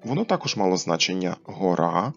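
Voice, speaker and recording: A man narrating an educational talk on word history, explaining clearly and stressing each example word. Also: low-pitched, sing-song, brisk, dull audio, soft background music. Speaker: language history presenter.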